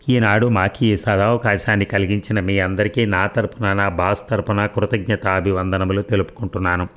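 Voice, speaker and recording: A man narrating a short story in a slow, deliberate reading voice with dramatic pauses. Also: fairly low pitch.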